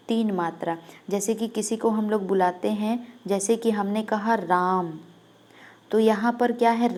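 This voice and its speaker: A woman teaching an exam-prep lesson at a mid-range pitch. She works through each point patiently and keeps asking questions that she answers herself. When she gives an example, she lingers on the sound and stretches it out. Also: darkish tone. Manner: explains step by step, asks and answers her own questions; drags out sounds when demonstrating.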